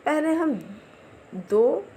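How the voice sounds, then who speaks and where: Slow, clear woman teaching first graders. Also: sits high, mellow, a little hiss or hum. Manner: slow, clear, drills words aloud one by one. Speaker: primary school teacher. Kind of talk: online Hindi lesson for first graders.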